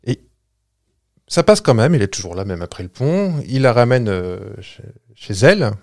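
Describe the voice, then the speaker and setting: A man tells a roadside ghost story in an easygoing, jokey way, with many little hesitations. His pitch rises and falls freely as he talks. The sound is dry and close, with hardly any room around it. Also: very animated, moderate pace, a little mellow, no room sound. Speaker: podcast storyteller. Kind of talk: casual storytelling chat.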